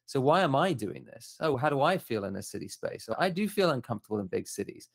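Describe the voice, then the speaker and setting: A man's voice: mid-range voice, big pitch swings, fast, creaky. A middle-aged man from Southern Africa, a photographer guest talking in a thoughtful, candid and self-questioning way. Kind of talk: reflective interview talk.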